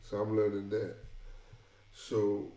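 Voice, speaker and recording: A man's voice: lowish voice, completely flat delivery, slow, dark tone, reverberant. A man giving casual tech career advice in an emphatic, repetitive way, often restarting his phrases. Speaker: tech vlogger.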